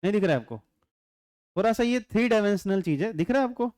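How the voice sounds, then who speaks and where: High, clear-voiced male physics teacher. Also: dry recording, studio quality. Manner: chatty, joking asides, constant rhetorical check-ins; unhurried, calm explaining. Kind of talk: classroom lecture.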